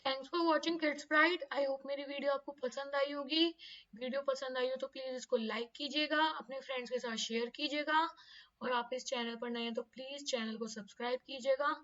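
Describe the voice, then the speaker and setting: A woman explains English grammar to children at an unhurried pace, spelling words out letter by letter. Her voice sits high. The recording is dull and lo-fi, picked up from a little way off the mic. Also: fairly even intonation, fairly bright tone. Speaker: teacher. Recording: distant, dull lo-fi audio.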